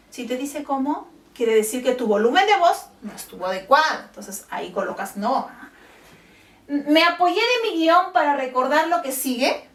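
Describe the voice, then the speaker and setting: A woman teacher talking to schoolchildren in a friendly way, often stopping to check with short questions. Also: on the high side. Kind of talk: teaching a class to children on camera. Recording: echoey room, voice from a distance.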